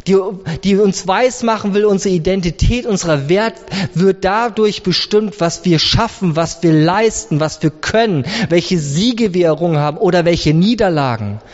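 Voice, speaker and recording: A man with a very high voice preaches with passion, hammering his points through chains of repeated phrases. His voice rings out in a large hall with a long reverb tail. The recording sounds dull and lo-fi. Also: lively intonation, normal speed, hardly any pauses, darkish tone. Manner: impassioned, piles up repeated phrases. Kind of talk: sermon.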